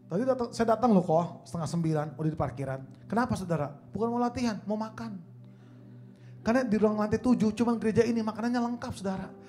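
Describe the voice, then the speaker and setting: High-voiced man telling jokes at church. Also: fast, mellow. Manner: joking storyteller who addresses the crowd as "Saudara". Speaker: guest speaker, singing coach. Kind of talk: humorous church talk. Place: church hall.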